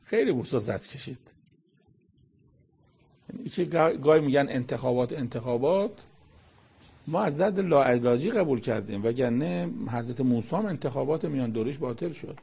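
A man's voice: mid-range voice, animated, gravelly, pauses often, dark tone, husky. A man giving a conversational religious lecture, explaining scripture in everyday speech and quoting Arabic verses. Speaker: Quran commentator.

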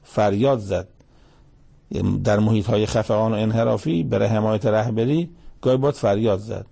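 A man giving a religious commentary lecture in a measured, emphatic way, reciting Arabic verses between his explanations. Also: medium pitch, gravelly, mellow, breathy edge. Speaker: Quran commentator.

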